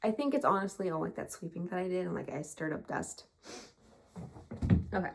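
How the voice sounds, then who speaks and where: A woman's voice: lowish voice, a little fast, gravelly, husky. A woman vlogging from her home in a casual, rambling chat full of fillers, a bit out of breath. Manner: chatty and rambling, with many fillers. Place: home, indoors.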